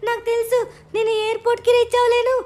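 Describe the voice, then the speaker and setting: A man's voice: very high-pitched, monotone, racing, a little mellow, voice pushed up. A man voicing an anxious young woman late for her flight in a game story, fretting about her bad luck. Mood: fretful. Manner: fretful, complaining of bad luck.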